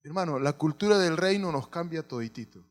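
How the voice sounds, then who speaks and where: A man's voice: a little high, lively intonation, brisk. A male pastor, preaching a sermon and putting questions to the congregation.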